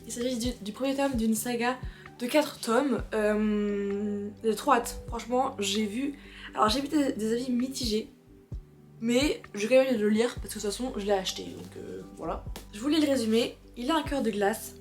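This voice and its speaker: Bubbly woman chatting about books she wants to read, kinda high voice, soft music behind. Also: normal speed. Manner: chatty and excitable, laughs often, reads book blurbs aloud. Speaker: booktuber. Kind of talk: casual book haul chat.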